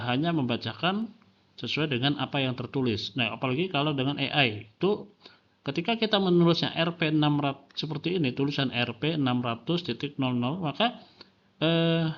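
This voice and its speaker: A man's voice: mid-range voice, lo-fi sound. A male lecturer, explaining a lesson with examples, frequent fillers and rhetorical questions. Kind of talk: classroom lecture.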